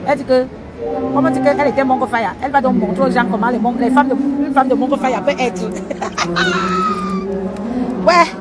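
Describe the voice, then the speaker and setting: A woman, relaying celebrity news in animated, insistent gossip commentary, recorded outdoors. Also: high-pitched, quick pace, loud music behind the voice. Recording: loud crowd and street noise outdoors.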